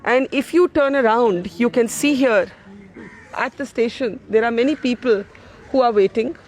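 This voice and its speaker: Earnest male field reporter. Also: extremely high pitch. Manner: earnest, measured. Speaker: news reporter. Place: outdoor railway station.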